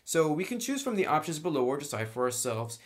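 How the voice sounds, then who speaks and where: Speaking quickly in a slightly high, sing-song voice, a man hosts a conversational tabletop game tutorial. He takes viewers through it step by step and reads some rules aloud.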